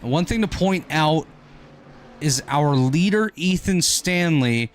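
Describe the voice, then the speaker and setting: A man calling an online racing broadcast as play-by-play commentator, talking quickly and correcting himself on the fly. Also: on the high side, slight background noise. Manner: rapid, energetic play-by-play with quick self-corrections.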